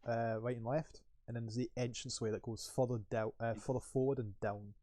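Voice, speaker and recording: A man's voice: mid-range voice, steady tone, fairly quick, warm tone, dry recording, clean studio sound. A man narrating as game master of a tabletop game, laughing often and slipping into character voices.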